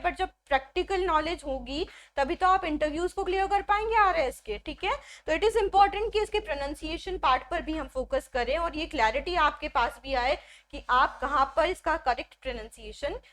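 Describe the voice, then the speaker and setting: Grammar teacher, woman, high pitched, patient step-by-step explainer who keeps checking understanding. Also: fairly bright tone. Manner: explains step by step, often asks "ठीक है" to check; mixes Hindi with English phrases, slows down on English examples. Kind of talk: exam-prep grammar lesson.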